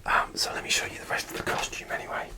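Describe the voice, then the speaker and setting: An ASMR creator, a man, tells a story in a soft, rambling whisper, pausing and hesitating often, close to the microphone.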